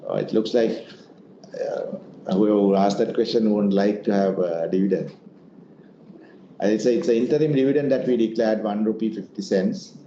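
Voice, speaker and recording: A fairly low, dark-toned male voice at normal speed answers investor questions semi-formally as the executive running an earnings call. Sound quality is muffled, with echo and room noise.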